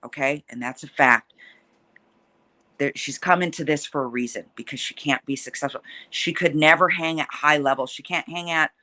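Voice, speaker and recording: Feisty, forceful woman fighter with a bright voice. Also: low voice, normal speed. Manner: feisty, combative and blunt, swearing freely. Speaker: professional fighter interviewed. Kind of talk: casual, heated trash talk in an interview.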